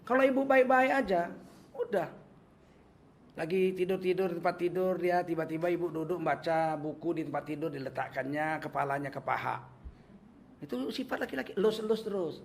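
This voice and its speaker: A man's voice: on the high side, brisk, slight background noise. An older man from Medan with a Medan accent, giving a humorous religious talk and acting out the voices he quotes. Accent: Medan Indonesian. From Medan, North Sumatra, Indonesia. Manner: animated, joking, acts out quoted voices. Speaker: preacher.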